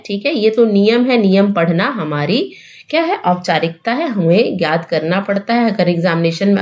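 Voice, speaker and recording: A woman's voice: lowish voice, darkish tone. A woman teaching Hindi grammar for exam preparation, repeating the rules and asking questions back to her students, mixing English terms into her explanation. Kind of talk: exam-prep grammar lesson.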